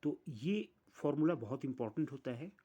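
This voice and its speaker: A man teaches music theory step by step, slowly and deliberately counting out the notes one at a time. His medium-pitched voice is expressive, warm and husky, captured with a lo-fi sound.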